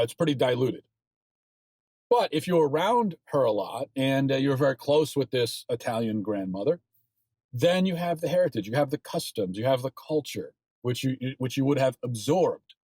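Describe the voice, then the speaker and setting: A man's voice: fairly high pitch, a little mellow, husky, no room sound. A man hosting a solo political commentary show, arguing his points and pressing into emphatic insistence. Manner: argumentative, rising to emphatic insistence; sports analogies.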